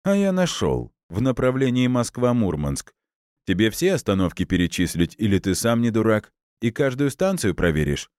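A man voicing a smug, cynical police colonel who speaks in measured, sarcastic, deliberate words. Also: lowish voice, big pitch swings, a little mellow, no echo, studio quality, pitched above the performer's own voice. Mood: cold, sarcastic.

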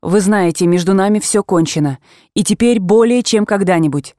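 A woman reader voicing a weary estranged husband who speaks in a flat, restrained, toneless way. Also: mid-range voice, normal speed, no room sound, studio quality, close to an everyday voice. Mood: cold.

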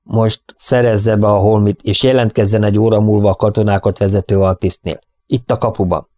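A man voicing a stern, impatient prison governor in an audiobook, with a low, commanding voice. His delivery is brusque and the sound is close and dry. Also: level tone, warm tone, dry recording, natural voice.

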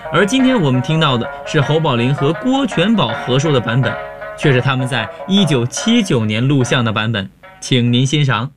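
A man hosting a program, giving scripted narration with a measured storytelling delivery. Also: mid-range voice, sing-song, music in the background. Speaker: radio program host.

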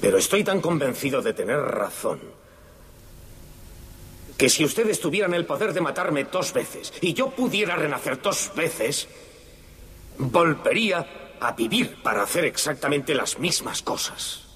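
A man's voice: on the high side, expressive, unhurried, fairly bright tone, slightly rough, full character voice. An actor playing a condemned Italian anarchist man giving a solemn, impassioned final statement in court, in a dubbed film.

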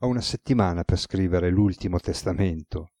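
A man voicing a weary, ironic male god with a relaxed, teasing manner, as read in an audiobook. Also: sits low, normal speed, dry recording, studio quality. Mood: wry.

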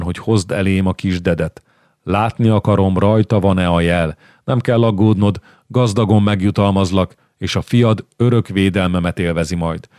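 A man voicing a sinister, mock-courteous blind prince in an audiobook, low and sly. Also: a little mellow, no echo, studio quality, natural voice. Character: sinister blind male prince, smooth and menacing. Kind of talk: audiobook character reading.

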